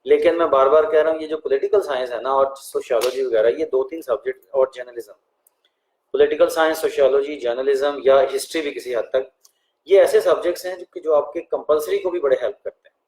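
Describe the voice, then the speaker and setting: A man, a teacher answering students' exam questions in a relaxed live question-and-answer session. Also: medium pitch, fast, echoey room, rough recording. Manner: relaxed, reads out questions and answers them in turn.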